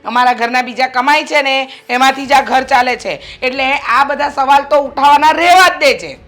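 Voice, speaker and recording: A woman's voice: medium pitch, moderate pace, a bit bright, lightly acted. An actress playing a middle-aged mother-in-law who lectures her son and scolds her daughter-in-law. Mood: scolding.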